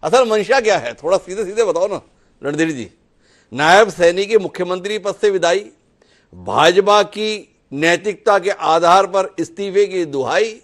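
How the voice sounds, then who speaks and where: A man anchoring a televised political debate, firing pointed, rhetorical questions at his guests. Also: high-pitched.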